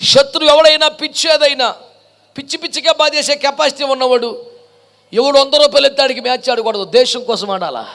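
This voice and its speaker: A male pastor preaching a passionate sermon, piling up rhetorical questions and building to shouted peaks. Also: very high-pitched, fairly quick.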